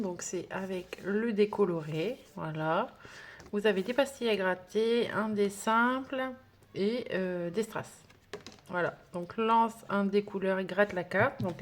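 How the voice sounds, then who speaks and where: Chatty woman unboxing with soft asides. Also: mid-range voice, a little slow. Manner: chatty, gushing, many fillers, drops to soft whispers. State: tired, trembling hands. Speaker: budgeting vlogger. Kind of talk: casual unboxing chat.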